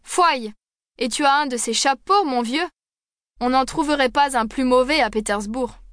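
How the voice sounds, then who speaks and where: A woman's voice: high voice, moderate pace, clean tone, no room sound, natural voice. Quavering, mocking young hunchback, read by a woman, audiobook, dry close sound. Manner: mocking, bossy.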